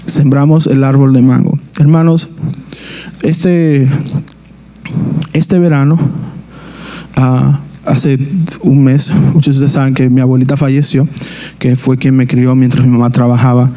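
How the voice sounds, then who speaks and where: Dark-voiced man preaching. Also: mid-range voice, little pitch movement. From Dominican Republic. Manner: earnest, halting, restarts phrases often. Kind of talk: sermon with personal testimony. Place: church.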